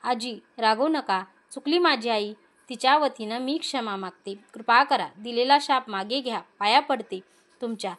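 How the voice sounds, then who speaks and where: A woman performs a gentle young princess in a told folk tale, speaking softly and imploringly. Her voice sits fairly high. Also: normal speed, close to an everyday voice. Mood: pleading. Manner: soft, imploring.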